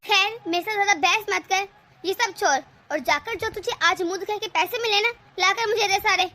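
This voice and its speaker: A woman's voice: very high-pitched, fairly quick, sharp tone. A woman voicing a domineering, scheming middle-aged mother-in-law in a cartoon, scolding and sarcastic. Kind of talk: animated cartoon voice acting.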